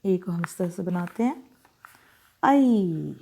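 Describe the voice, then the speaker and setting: A woman teaching children how to write vowels, speaking slowly and deliberately, drawing out each sound and checking that they follow. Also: on the low side, lively intonation, creaky, dark tone. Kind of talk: slow, patient handwriting lesson for children.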